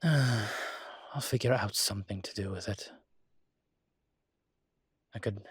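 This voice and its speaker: In an intimate roleplay audio drama, a man voices a suave ancient demon professor, his low voice husky and breathy. His manner is dry, teasing and urbane, with a rueful, dry mood, and the recording has no echo.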